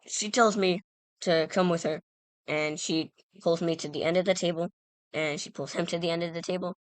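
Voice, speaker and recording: A woman's voice: sits low, no room sound. A woman casually telling a funny anecdote, rambling and self-interrupting with lots of fillers and playful self-mockery. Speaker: storyteller.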